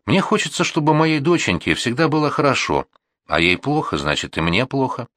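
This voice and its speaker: Man reading as a gentle teary mom, consoling, kinda lively. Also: mid-range voice, fairly quick, no echo, pitched above the performer's own voice. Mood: tender. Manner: soft, consoling. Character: tender, tearful middle-aged mother. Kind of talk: audiobook reading.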